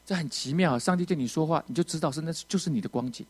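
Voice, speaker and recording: A man preaching a testimony, telling his story with strong feeling, rising to loud outbursts and dropping to quiet moments. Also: a little high, fast talker, slightly rough. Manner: emotional, animated storytelling with sudden loud outbursts and quiet drops. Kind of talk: sermon testimony.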